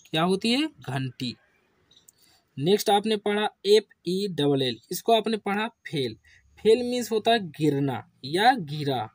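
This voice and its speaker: A man teaching English spelling to beginners, drilling words slowly with repeated questions and answers. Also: high-pitched, a little mellow, no room sound. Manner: slow, repetitive call-and-response drilling. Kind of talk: classroom lesson for beginners.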